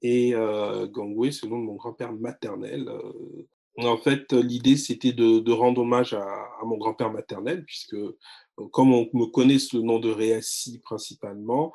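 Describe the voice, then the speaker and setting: A man's voice: medium pitch, fairly even intonation, a little slow, vocal fry, mellow. A man in his forties, a literary blogger talking casually as an interview guest, hesitant with many fillers and restarts. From France and Congo-Brazzaville.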